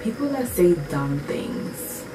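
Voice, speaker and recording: Female vlogger, low register, loose rambling delivery, roomy echo. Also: very animated, slow pace, over music. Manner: rambling, filler-heavy, lots of "like" and "um". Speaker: vlogger answering viewer questions. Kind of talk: casual Q&A chat. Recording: echoey room, mic at a distance, noisy background.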